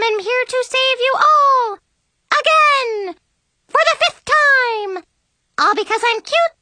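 A woman voicing a sugary cartoon princess in a high, chipmunk-like squeak, sing-song and self-adoring. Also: bright, forceful tone, no echo, full character voice. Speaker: audiobook narrator.

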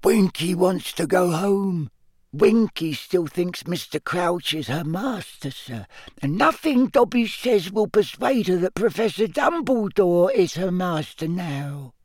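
A small, devoted male house-elf. His voice is high and singsong, and he speaks slowly and quietly. The recording is dry. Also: animated, no room sound, full character voice. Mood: hushed sad. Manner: whispering, hushed.

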